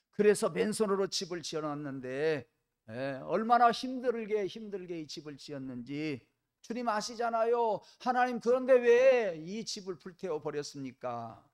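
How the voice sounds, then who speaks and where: A man voicing a shipwrecked castaway who shouts and pleads with God in despair, in a raised, strained voice. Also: high-pitched, clear, resonant tone, pitched above the performer's own voice.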